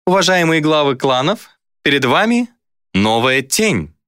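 Imperious female demon overlord for a fantasy audiobook, cool and commanding, a man lifting his pitch to play her. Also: big pitch swings, a little slow, fairly bright tone, clean tone, no echo, clean studio sound.

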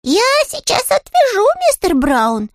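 A woman's voice: extremely high pitch, huge pitch swings, a little slow, dry recording, studio quality, voice pushed up, heavily acted. A woman voicing a small, polite young male bear who is earnest and a little bewildered.

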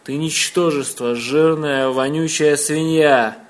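A man's voice: on the high side, steady tone, slow pace. A man voicing an angry, panting teenage girl who hurls insults in an audiobook reading. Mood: spiteful. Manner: spiteful, shouting.

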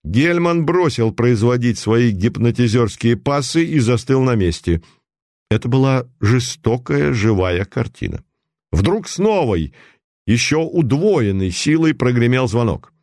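A man's voice: mid-range voice, lively intonation, a little slow, darkish tone, no echo, studio quality. A man reading a story aloud in a theatrical, emotive way. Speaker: narrator. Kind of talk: dramatic audiobook narration.

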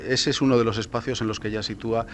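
A man's voice: mid-range voice, fairly even intonation, rapid-fire, a little hiss or hum. A man speaking as a journalist guest on a radio talk show, explaining at length with many fillers.

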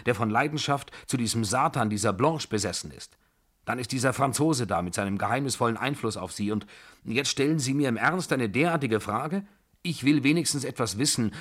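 A man's voice: on the low side, lightly acted. A man reading a feverish lovesick young tutor. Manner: agitated, pleading, confessional. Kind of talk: audiobook dialogue.

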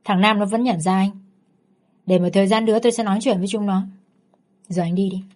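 A woman's voice: medium pitch, steady tone, fast talker, darkish tone, natural voice. A woman voicing a grieving elderly grandmother who speaks in a weary, reproachful way.

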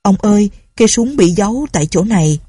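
A woman's voice: mid-range voice, animated, a little fast, husky, dry recording, clean studio sound, voice pushed up. A woman reading a story aloud, voicing an anxious, loyal old male servant. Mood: hushed. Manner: anxious, soft-spoken.

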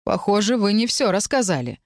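A woman's voice: mid-range voice, very animated, brisk, no room sound. A guarded young male necromancer, read by a woman narrator, speaks in muted, terse phrases. His voice stays close to the reader's own. The recording is dry. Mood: tense.

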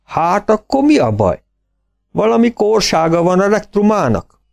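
Man doing a high, rustic old farmer. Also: very animated, vocal fry, full character voice. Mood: insistent. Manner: rustic country dialect forms. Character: big, stately old farmer with a rustic way of talking.

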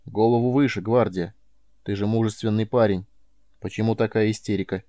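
A man reading an audiobook voices a calm, patient male alien mentor who speaks in a dry, measured way. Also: on the low side, no room sound, natural voice.

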